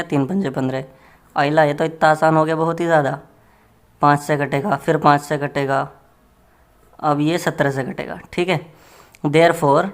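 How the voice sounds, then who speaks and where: A man's voice: a little high, smooth. A man teaching a maths lesson in a casual, joking way, chatting to his students as friends while working through problems. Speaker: maths tutor.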